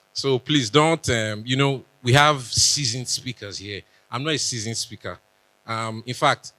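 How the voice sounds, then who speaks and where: A young Nigerian man with a Benin accent delivers a chatty talk on a conference stage, cracking jokes and slipping into pidgin asides. His mid-range voice sounds bright and forceful, recorded dry with no room sound.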